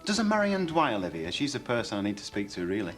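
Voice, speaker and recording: An actor playing a formal, businesslike police detective making enquiries. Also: male voice, fairly low pitch, huge pitch swings, fast talker, over music. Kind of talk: TV soap acting.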